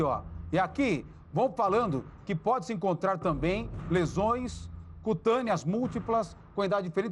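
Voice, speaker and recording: A Brazilian man hosts a crime news show in a fairly high voice. He talks emphatically, turning to viewers and calling out cues to his production team. A faint ambient hum runs underneath. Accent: Brazilian Portuguese. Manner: emphatic, addresses viewers and directs crew. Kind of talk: live crime news commentary.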